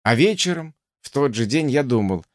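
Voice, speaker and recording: A man's voice: medium pitch, lively intonation, normal speed, no echo. A male audiobook narrator reading literary prose, his intonation rising and falling with plenty of movement. He has a mid-range voice. The recording is dry and close, with no room sound. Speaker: audiobook reader.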